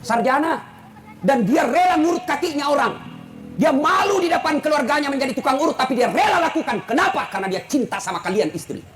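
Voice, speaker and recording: A middle-aged man giving a humorous sermon, animated and teasing, acting out voices of husbands and wives. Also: very high-pitched, quick pace. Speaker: preacher. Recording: noisy live event recording.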